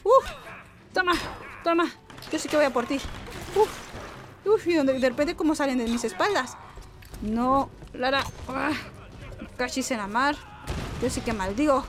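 High, excitable woman gamer. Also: measured pace, pauses often. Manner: chatty, excitable, talks back to game characters. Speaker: gaming YouTuber. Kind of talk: let's-play commentary. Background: game music.

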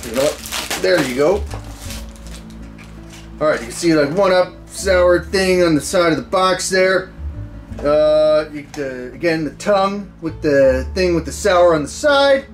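An American man in his thirties hosting a food challenge to camera, talking casually and haltingly with mock-serious bravado. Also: a little high, expressive, faint music behind. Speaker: food challenge video host. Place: small indoor room full of memorabilia.

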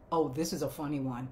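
A woman's voice: low-pitched, a bit bright, slight background noise. A woman in her fifties hosting a casual livestream chat, playful and emphatic, cheering viewers on with repeated phrases. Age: 50s. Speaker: livestream show host.

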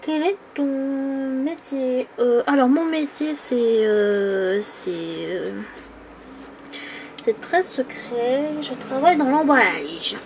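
A woman's voice: high-pitched, lively intonation, takes it slowly, darkish tone, slight background noise. A woman in her twenties from the Île-de-France region, chatting casually and hesitantly while coloring on camera at a table, with many fillers. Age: 20s. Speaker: coloring YouTuber. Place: indoors at a table.

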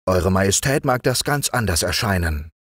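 A man voicing a modest, devoted green frog in a storybook reading, speaking gently. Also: low-pitched, animated, normal speed, no room sound, studio quality, pitched above the performer's own voice. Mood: gentle.

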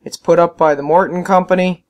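Farm owner narrating his own video: easygoing man, smooth tone, a little high. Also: brisk. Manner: relaxed, plainspoken, with frequent fillers. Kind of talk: casual voice-over narration.

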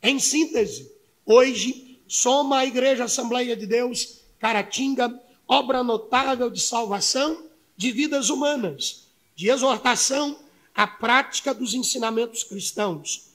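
High-voiced man giving a slow formal speech. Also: a bit bright. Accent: Brazilian Portuguese, Minas Gerais. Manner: measured, solemn, reading from notes. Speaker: church pastor giving a speech. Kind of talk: formal prepared speech read at a podium. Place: city council chamber, indoors. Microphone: podium microphone.

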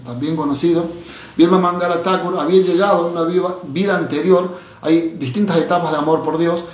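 A man teaching a scripture class in a conversational way, often checking in with his listeners. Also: on the high side. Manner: conversational, frequent tag questions. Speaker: religious teacher. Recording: roomy echo.

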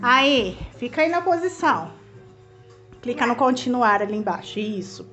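A Brazilian woman vlogging at home, cheering a child on through a video game and shouting encouragement, her throat sore from yelling. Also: on the high side, sing-song, normal speed, soft background music. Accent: Brazilian Portuguese. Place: home living room.

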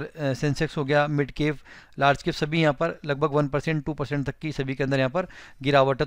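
Brief: Indian man, tutorial host, fairly high smooth voice, dry close mic, chatty step-by-step explainer. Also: no room sound. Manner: conversational, explains step by step, addresses viewers as friends. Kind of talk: screen-recorded explainer with annotations.

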